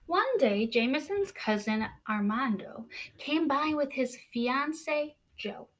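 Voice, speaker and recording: Reading a picture book to children, a female teacher takes a deliberate, expressive approach and leans on the important words. She has a high-pitched voice.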